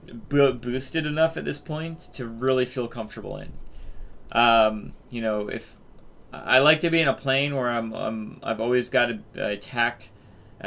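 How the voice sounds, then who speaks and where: A man in his thirties talks through a match in casual gameplay commentary. His voice is bright and forceful at a middle pitch, and he rambles, stopping and restarting his sentences with plenty of fillers. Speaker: gaming video host.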